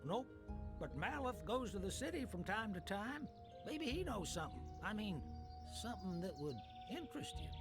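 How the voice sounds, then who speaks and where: A suspicious, grumbling farmer from a video game, talking in an overdone rural drawl. His voice sits high for a man. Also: big pitch swings, normal speed, music in the background. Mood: gossipy. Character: grumbling middle-aged male farmer, suspicious.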